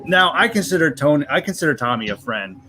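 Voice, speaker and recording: A blunt man in his thirties speaks candidly as a podcast guest, with a dry, sardonic edge. His voice is slightly higher than most men's. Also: sing-song, quick pace, sharp tone, slight background noise. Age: 30s. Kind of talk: casual panel chat.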